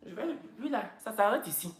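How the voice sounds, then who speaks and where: A woman's voice: mid-range voice, lively intonation, a little fast. Teasing woman on a live stream. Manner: teasing, repeats phrases, playful jokes. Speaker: social media personality. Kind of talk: casual live stream chat. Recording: roomy echo.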